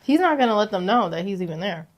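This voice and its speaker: A young woman co-hosting a casual podcast, reading confessions aloud, animated and slangy, laughing often. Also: medium pitch, fast talker. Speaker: podcast co-host.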